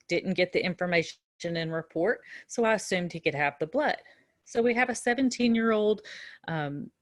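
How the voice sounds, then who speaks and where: A middle-aged woman teaching nursing students in a relaxed lecture, telling a story from her own work with fillers and restarts. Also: on the low side, dry recording, clean studio sound. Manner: conversational, with frequent fillers and restarts. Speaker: nursing instructor. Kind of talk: recorded lecture with a personal story.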